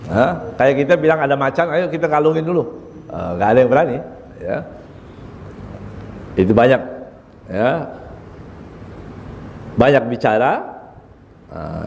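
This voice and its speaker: Man, religious teacher, casual study sermon, animated, acts out quoted dialogue, hall reverb. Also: medium pitch, vocal fry, slight background noise. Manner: chatty, laughs often, acts out little quoted dialogues. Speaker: ustadz teaching a book on character. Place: prayer room.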